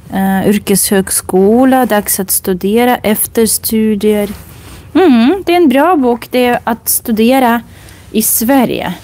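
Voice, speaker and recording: A woman teaching a casual language lesson in a library, browsing books and speaking slowly and clearly for learners. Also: on the high side, dark tone. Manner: slow, clear demonstrating speech for learners; chatty, recommends books while browsing. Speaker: Swedish teacher. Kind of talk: casual live lesson on a walk. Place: library, indoors.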